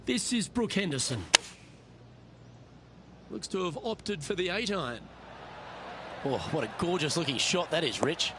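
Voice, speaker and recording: A man voicing a measured, appreciative golf commentator in a video game, calling play as the lead announcer. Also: fairly high pitch, expressive, noisy background. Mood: impressed. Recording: game music and crowd behind the voice.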